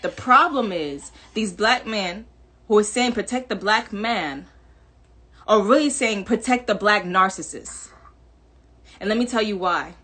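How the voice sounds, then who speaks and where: Her voice is medium in pitch, bright and forceful with a breathy edge, and a little slow. Talking openly to viewers in a personal video, this Jamaican-American New Yorker from a Jamaican family hammers home her points, repeats them and laughs along the way.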